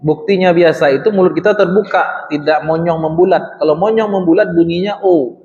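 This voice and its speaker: A man, a religious teacher, giving a study-circle lesson on Quran recitation, stretching out recited phrases and quizzing his listeners. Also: a little high. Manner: slowly drawn-out recitation demonstrations, quizzes the congregation. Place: mosque hall. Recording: echoey mosque hall, dull sound.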